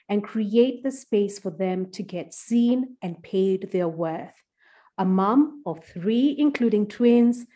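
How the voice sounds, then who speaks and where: This woman has a warm, mid-range voice. She hosts a podcast, reading scripted introductions and putting questions to a guest.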